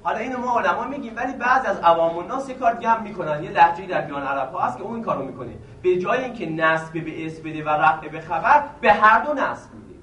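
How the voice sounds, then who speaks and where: High-voiced man teaching in an echoey room. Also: expressive, hardly any pauses, bright, forceful tone. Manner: poses questions to the class and answers them himself; repeats each point patiently. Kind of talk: seminary grammar lesson. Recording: echoey room, mic at a distance, faint noise.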